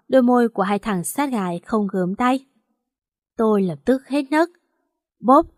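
A woman reading a first-person romance story aloud, lively and acting out the dialogue. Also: medium pitch, dry recording, clean studio sound. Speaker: audiobook narrator.

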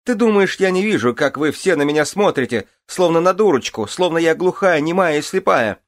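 Hysterical screeching queen, voiced by a man, high and loud, dry sound. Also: wildly swooping pitch, slow pace, creaky, dry recording, full character voice. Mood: frantic. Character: hysterical young queen, shrieking and accusing.

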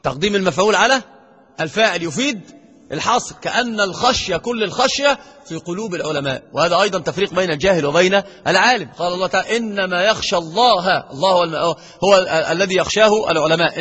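A man with an Egyptian Arabic accent teaches grammar at a brisk, driving pace, his voice high and edged with husk. He keeps throwing questions at his students and slows down to stress each quoted verse. The sound rings with the long reverb of a lecture hall. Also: a bit bright, breathy edge, lo-fi sound. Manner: quizzes the students with rhetorical questions. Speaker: Islamic scholar teaching grammar. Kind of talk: classroom lecture.

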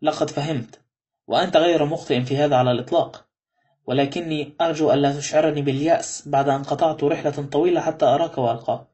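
Calm, grateful older ex-convict for a storybook reading, as a male narrator puts him on; quick, quiet, slightly raised pitch. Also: lightly acted. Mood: earnest.

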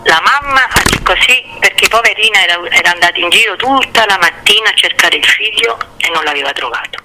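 An older man, a guest author recalling family memories in a radio interview, earnest and pausing to search for words. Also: high voice, lively intonation, background noise.

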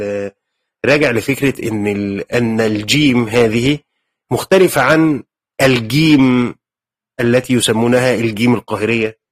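A man with an Egyptian accent teaching a lesson on a Quran commentary, explaining conversationally and checking in with his students. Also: mid-range voice. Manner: conversational, asks the class questions and explains. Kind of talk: lecture.

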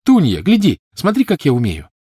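A man's voice: a little high, big pitch swings, fast talker, no echo, studio quality, voice pushed up. A man voicing a bold, cheerful little girl who teases her sister. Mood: lively.

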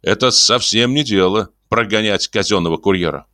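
A man's voice: on the low side, normal speed, sharp tone, no room sound. A man voicing a cool, stern conman who speaks in curt, commanding phrases with dry irony, in an audiobook. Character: cool, stern smooth-talking male conman. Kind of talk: audiobook character voice.

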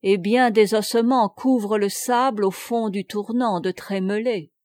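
A clever young serving boy, quiet and deferential, played by a woman narrator in a storybook reading. He speaks softly and slowly, close and dry to the mic. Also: medium pitch, steady tone, no room sound, close to an everyday voice. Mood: ominous warning.

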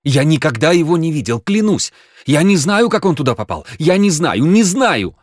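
A man reading an audiobook, voicing a frantic young man who swears he is innocent, his voice high and loud with fear. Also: sing-song, normal speed, dry recording, clean studio sound. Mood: panicked. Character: panicky young man, accused, pleading.

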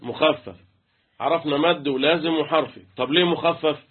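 Here the Egyptian teacher speaks on the high side with a breathy edge, keeping his intonation fairly even and his pace moderate. The audio is tinny and phone-like as he quizzes students and chants letters in an interactive lesson on Quran recitation.

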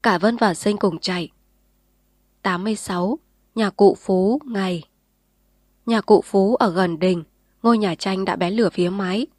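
A woman narrating a novel in a steady, measured reading voice. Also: medium pitch, dry recording, studio quality. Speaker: storyteller.

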